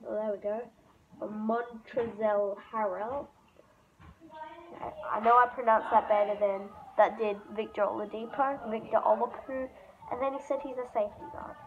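A woman's voice: a little high, steady tone, normal speed. A woman hosting a casual mobile game pack-opening video, chatting in a rambling way to her viewers. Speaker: mobile game channel host. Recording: tinny phone-like audio with faint hiss.

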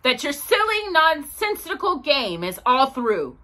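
Storybook kangaroo, bossy and scornful, acted by a woman: scolding, sharp, widely swinging pitch. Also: big pitch swings, slow pace, heavily acted. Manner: scolding, haughty. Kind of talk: storybook character voice.

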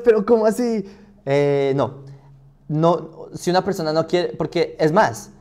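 Man teaching, mellow voice, rhetorical questions. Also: a little high. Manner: thinks aloud with rhetorical questions. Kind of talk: live class answering questions.

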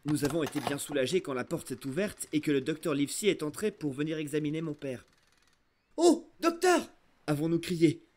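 A man narrating an adventure novel aloud in an expressive, storytelling way. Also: on the high side, fast talker, hardly any pauses. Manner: expressive storytelling, first-person voice of a boy. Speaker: audiobook narrator. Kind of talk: scripted narration.

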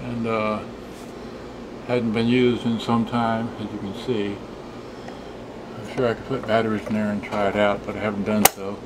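A vlogger shows off vintage electronics in a casual, off-the-cuff demo, muttering in short fragments and pausing often at a normal speed. His voice is lowish with little pitch movement, picked up by the handheld camcorder's built-in microphone with background noise.

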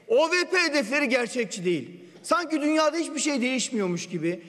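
A man giving a parliamentary budget speech into a podium microphone, assertive and firing pointed rhetorical questions. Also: very high voice. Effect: speaking into a podium microphone. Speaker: member of parliament. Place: parliament general assembly hall. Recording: long reverb of a large chamber.

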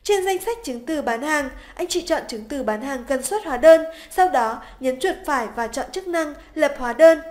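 A woman with a high, light voice reads scripted instructions for a software tutorial. Her delivery is polite, even and methodical, walking the listener through each step. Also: normal speed, hardly any pauses. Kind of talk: scripted narration. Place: voice-over over screen recording.

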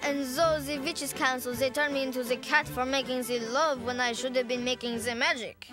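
Girl posing as a French cat, woman voicing: slow, hammy fake French accent, high pitch. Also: music in the background. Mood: romantic. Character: young girl faking a suave French tomcat.

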